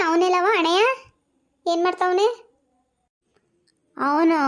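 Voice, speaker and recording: A woman doing a shrill nagging cartoon mother. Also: close to an everyday voice. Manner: shrill, nagging, quick scolding. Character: bossy scolding village mother, middle-aged.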